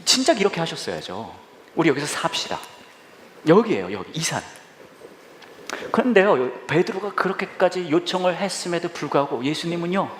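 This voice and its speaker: A man preaching a casual, humorous sermon, acting out scenes with sound effects and mock shouts in a church. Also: on the high side, a little hiss or hum. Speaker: pastor. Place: church sanctuary. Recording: echoey hall, voice somewhat distant.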